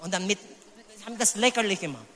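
A man in his fifties from the Philippines with a Filipino accent, preaching a sermon with emphatic, high exclamations. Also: lively intonation, quick pace, pushed and bright, big-room sound. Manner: emphatic preaching, sudden high exclamations, sprinkles English phrases. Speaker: pastor.

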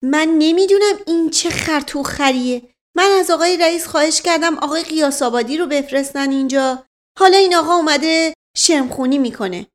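A woman voicing an indignant older aristocratic lady who scolds in rapid bursts. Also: high voice, voice pushed up, lightly acted.

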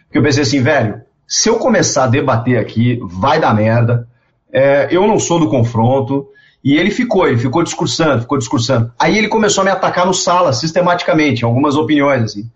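A man, telling stories in a casual interview, animated and repeating words as he goes. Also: mid-range voice, brisk. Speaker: guest. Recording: dull lo-fi sound.

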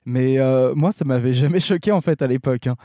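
A man with a mellow, warm tone talks in an easygoing, slangy way as a podcast guest. His voice comes dry and close to the mic. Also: medium pitch, a little fast, no room sound. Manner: laid-back, slangy, chuckling. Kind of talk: casual podcast chat.

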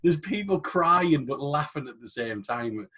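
With a crowd audible behind him, a man co-hosting a podcast rambles and jokes in a casual chat, laughing frequently. His voice is fairly high and expressive, and he speaks a little slowly.

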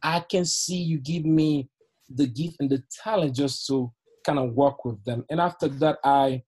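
This podcast guest, a middle-aged Haitian youth pastor with a Haitian accent, recounts his life story in a mid-range, darkish voice with a breathy edge. He goes a little slowly, stays earnest, and often laughs and repeats words.

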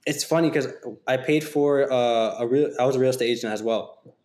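A man's voice: mid-range voice, brisk, a little mellow. A man hosts a casual podcast interview in a plain mid-range voice. He speaks earnestly and reflectively, sprinkling in "like" as he talks. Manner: earnest, reflective, uses "like" often. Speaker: podcast host.

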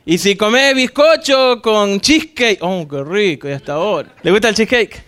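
A man preaching a sermon to a church congregation, lively and joking, acting out little dialogues. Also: high voice, normal speed. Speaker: pastor.

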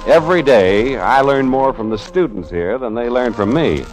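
A man's voice: medium pitch, animated, normal speed, darkish tone, faint music behind, natural voice, rough recording. An actor playing a wisecracking middle-aged male journalism professor with a dry, sardonic manner, in 1940s radio acting style. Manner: sardonic, quippy. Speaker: narrator and lead.

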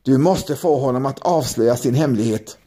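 A man's voice: medium pitch, dark tone, breathy edge, lightly acted. A man voicing a suspicious, scolding rich wife. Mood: angry. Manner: angry, accusing. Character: sharp-tongued suspicious rich woman, Bahar.

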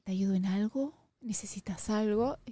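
Una mujer con acento peruano que cuenta una anécdota personal de forma animada, con muchas muletillas y frases que retoma, en una charla casual de pódcast. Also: female voice, mid-range voice, moderate pace, no room sound. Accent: Peruvian Spanish. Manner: animated rambling storytelling, restarts and fillers. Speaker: podcast co-host telling a personal story. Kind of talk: casual chat.

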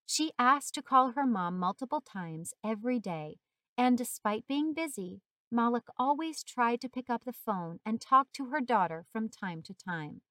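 A woman's voice: fairly high pitch, lively intonation, moderate pace, fairly bright tone, dry recording. Earnest woman narrating a short story.

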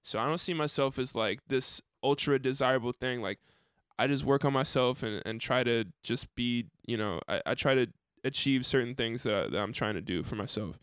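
Young male musician, loose casual rambler, medium pitch, dry sound. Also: a little fast, a bit bright, smooth, dry recording. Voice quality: countertenor singer. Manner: rambling, laughs often, many likes and restarts. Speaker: musician and podcast host. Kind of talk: casual chat.

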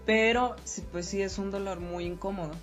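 A woman's voice: medium pitch, normal speed. A young Mexican woman, a podcast guest, chatting casually and agreeing easily with a laugh. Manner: relaxed agreeable chatter, often laughing along. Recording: dull lo-fi audio with faint music.

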